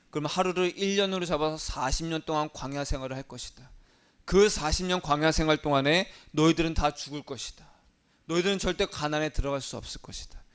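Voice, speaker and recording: Male preacher doing a solemn, commanding God, resonant and clear. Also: fairly high pitch, fairly bright tone, natural voice. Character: stern angry God pronouncing judgment.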